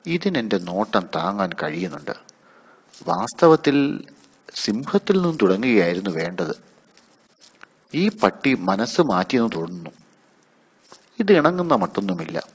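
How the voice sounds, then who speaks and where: A man's voice: lowish voice, very animated, normal speed, pauses often, slightly rough, heavily acted. A man voicing a curious, earnest little boy in a children's story. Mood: musing.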